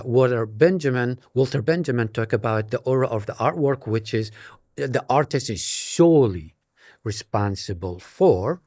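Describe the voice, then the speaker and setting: Slow, halting man on a debate panel. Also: mid-range voice, a little mellow, no echo, clean studio sound. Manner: halting, with many fillers and repeated words.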